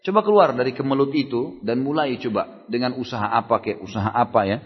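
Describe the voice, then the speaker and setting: Husky preacher in an echoey hall. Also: male voice, mid-range voice, brisk. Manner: conversational, acts out dialogues, rhetorical questions. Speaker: Islamic preacher answering questions. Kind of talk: sermon Q&A at a religious study gathering. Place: hall of a religious gathering. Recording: echoey hall, dull lo-fi sound.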